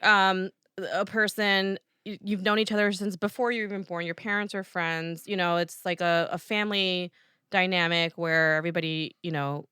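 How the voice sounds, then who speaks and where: Woman podcast co-host, East Coast American accent, sharp bright tone, dry close sound, chatty and easygoing. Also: lowish voice, steady tone, moderate pace, clean tone, no room sound. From New Jersey. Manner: chatty, restarts often, laughs easily. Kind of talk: casual chat.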